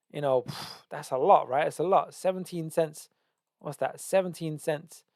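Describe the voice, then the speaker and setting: Emphatic man with a gravelly voice. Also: a little high, dry recording, clean studio sound. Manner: emphatic, repeats key words, asks "right?". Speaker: trading educator. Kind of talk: screen-share market analysis.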